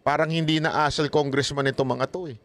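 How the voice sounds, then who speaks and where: A man's voice: a little high, fairly even intonation, fast, a bit bright. A man giving casual political commentary, mocking and laughing often, throwing rhetorical questions at his viewers.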